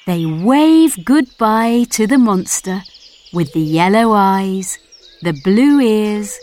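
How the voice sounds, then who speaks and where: A woman reading a children's story aloud, slowly, clearly and gently. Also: medium pitch.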